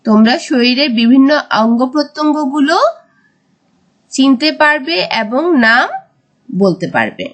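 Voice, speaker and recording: A woman teaching a primary school English lesson, mixing English words with Bengali explanations and drawing words out slowly. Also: sits high, very animated. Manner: slow, drawn-out word-by-word teaching. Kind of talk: recorded classroom lesson.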